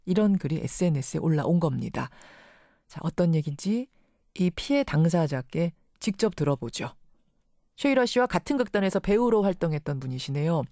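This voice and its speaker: A woman's voice: lowish voice, lively intonation, fairly quick, mellow, dry recording. Woman radio news host, really varied intonation, articulate, close dry studio sound, interview style.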